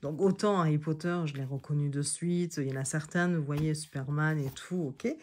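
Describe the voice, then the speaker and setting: A woman's voice: low-pitched, normal speed, darkish tone. A woman chatting casually as she reviews tarot decks, often hesitating and restarting, and reading card texts aloud. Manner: hesitant, many fillers and restarts. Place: seated indoors on a creaky chair.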